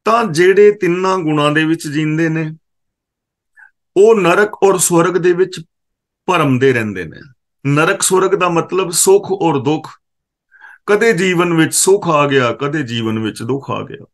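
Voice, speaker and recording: A man from Punjab gives a katha scripture exposition, his voice sitting slightly high for a man. He chants each verse in a slow, drawn-out way, then explains it word by word in a teaching tone, pausing to correct how the words are pronounced. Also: animated. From Punjab, India.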